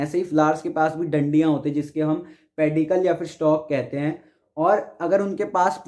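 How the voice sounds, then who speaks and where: A man's voice: on the high side, darkish tone. A young man from India with an Indian accent, a biology teacher giving an exam-prep lecture. He reads textbook lines aloud and then explains them again step by step. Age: young adult.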